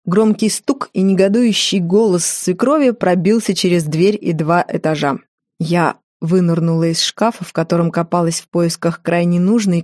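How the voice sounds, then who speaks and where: A woman narrating a first-person audiobook in a wry, lively storytelling manner. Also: on the low side, no echo, clean studio sound.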